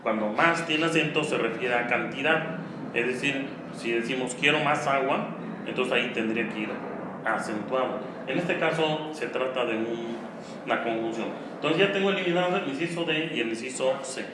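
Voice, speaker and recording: A man's voice: mid-range voice, normal speed. A man with a Mexican Spanish accent teaching a grammar class, patient and explanatory, checking in with the students as he goes. His voice rings around a very echoey room. A faint hiss sits underneath.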